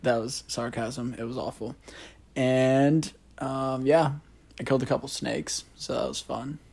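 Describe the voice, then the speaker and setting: A man's voice: medium pitch, little pitch movement, unhurried, gravelly, darkish tone. A young man from South Louisiana co-hosting a podcast, chatting casually with dry, sarcastic jokes. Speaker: podcast co-host. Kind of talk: casual chat.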